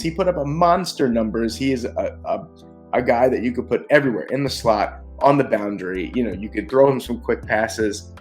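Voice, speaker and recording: A man hosting a casual football mock draft video, talking with excitement and frequent restarts. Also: mid-range voice. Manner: excited, rapid-fire picks with frequent restarts. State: short of breath. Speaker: sports video host.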